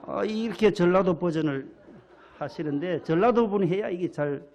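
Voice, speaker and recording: A man's voice: sits high, lively intonation, moderate pace, darkish tone. A man preaching a sermon as pastor, folksy and playful, tossing rhetorical questions to the congregation. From Gyeongsang region, Korea.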